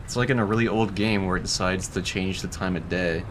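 Young guy chatting over gameplay, kinda low voice, dry jokey tone, bit of noise. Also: steady tone, a little fast. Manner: dry, wry, laughs often. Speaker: gaming YouTuber. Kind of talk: casual gameplay commentary.

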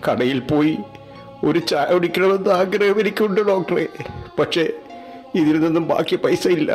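A man's voice: fairly high pitch, moderate pace, a little mellow, faint music behind, natural voice. A man playing a poor elderly father in an amateur skit, pleading and wailing that he fears the injection. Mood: mournful. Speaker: vaccine patient in a short skit.

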